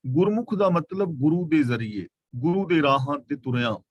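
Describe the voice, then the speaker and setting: A man with a Punjabi accent giving a scriptural lesson, who chants verses slowly and then explains them word by word. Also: a little high, animated, dry recording, highs cut off. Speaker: katha preacher. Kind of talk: scriptural exposition.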